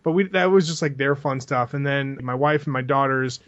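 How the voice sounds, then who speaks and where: Casual male podcast co-host, thirties, lively storyteller who laughs often; dry, lo-fi recording. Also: mid-range voice, fairly quick, no room sound. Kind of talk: casual chat. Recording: dry, dull lo-fi sound.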